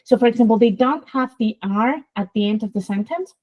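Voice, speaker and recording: A woman's voice: a little high, brisk, narrow, tinny audio. A woman with a Spanish accent, a native Spanish speaker hosting an interview, explaining sounds in a lecturing way and demonstrating them aloud. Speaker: host, Spanish teacher.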